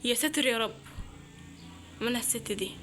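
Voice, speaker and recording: A woman's voice: fairly high pitch, fairly quick, fairly bright tone, slight background noise. A young woman with an Egyptian Arabic accent, chatting and thinking aloud as she plays a horror game, with startled exclamations. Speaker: gaming channel host. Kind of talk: let's-play commentary.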